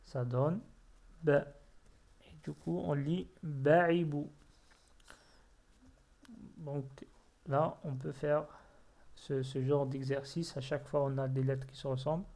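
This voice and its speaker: Slow, patient man teaching reading. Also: medium pitch, mellow. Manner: patient, repeats words syllable by syllable. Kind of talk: slow explanatory lesson.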